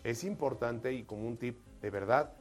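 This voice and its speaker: A man from Mexico co-hosting a live talk show. He chats in an easygoing way and tells jokes, acting out the characters in small put-on voices. His pitch sits in the middle range, with soft music running faintly behind him. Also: moderate pace. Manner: jokey storyteller, acts out voices in jokes. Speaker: radio show co-host.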